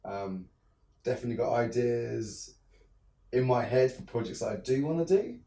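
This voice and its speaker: Recorded far from the mic in a roomy space, a young man with a gravelly, mid-range voice talks at normal speed. He's a filmmaker from southern England with a southern English accent, relaxed in an interview and full of ums and restarts.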